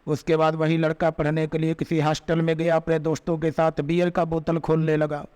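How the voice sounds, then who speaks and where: A man giving a devotional sermon, telling a story and slowing down to recite verses, with emphatic rising peaks. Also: a little high, completely flat delivery, a little mellow, clear, resonant tone. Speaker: spiritual preacher. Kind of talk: Hindi devotional discourse with storytelling.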